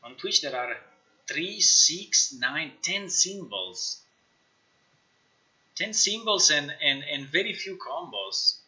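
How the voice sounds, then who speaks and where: A sharp-voiced man, a game developer and live streamer, chats casually on a livestream while thinking aloud as he works. His voice is on the high side and slow, the audio is poor, and he's informal and excitable, repeating words and phrases.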